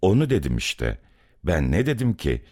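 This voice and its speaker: A man's voice: low-pitched, very animated, moderate pace, a little mellow. A man voicing a pompous, grumbling middle-aged mustached city man, in a dramatic story reading. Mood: defensive.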